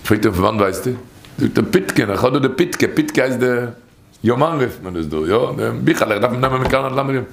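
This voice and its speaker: A man tells a story and teaches from a midrash, wandering and repeating as he goes. His voice is gravelly and sits at an ordinary middle pitch. A faint noise runs beneath it. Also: expressive, brisk. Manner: rambling, repeats phrases and restarts often.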